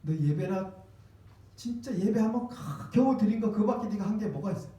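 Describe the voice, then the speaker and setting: A man's voice: high-pitched, lively intonation, a little fast, mellow, far from the mic. A man playing a sneering devil who scornfully accuses and mocks a believer, in an echoey church hall. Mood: accusing, sneering. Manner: mocking, scornful, belittling. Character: sneering accusing male devil, whispering taunts.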